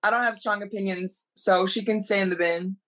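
A woman's voice: medium pitch, fairly even intonation, brisk, fairly bright tone. Easygoing woman guest on a podcast. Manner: easygoing, laughs often, noncommittal. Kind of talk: casual chat.

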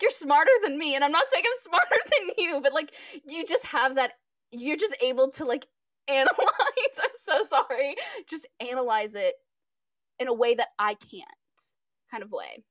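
A woman's voice: sits high, a bit bright, no room sound, studio quality. A twenty-year-old woman co-hosting a podcast in casual chat, rambling and giggly with lots of filler words. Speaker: podcast co-host.

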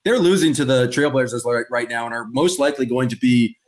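A man's voice: mid-range voice, brisk. A man hosting a casual sports podcast, rambling and opinionated with a joking edge. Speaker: podcast host.

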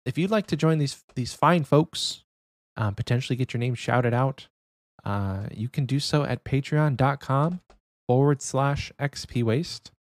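A young adult man co-hosts a casual podcast chat, keeping his voice down so as not to wake someone. He speaks at a measured pace in a medium-pitched voice, with no echo.

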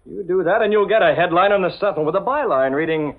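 An actor playing a dry, commanding newspaper boss, crisp and sardonic, in old-time radio style. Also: male voice, high voice, fast. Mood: explaining. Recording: muffled vintage radio recording.

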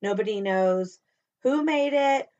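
A woman's voice: mid-range voice, animated, slow pace, a little mellow. An American woman co-hosting a podcast in casual, enthusiastic chat, recorded remotely on a laptop. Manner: chatty, enthusiastic. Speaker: podcast co-host. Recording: dull lo-fi laptop audio.

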